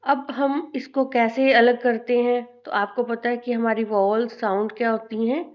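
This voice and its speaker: A woman with an Indian accent teaching an English lesson, speaking slowly and deliberately, spelling out letters and repeating things for her students. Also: a little high, level tone, highs cut off. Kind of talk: classroom lesson mixing Hindi and English.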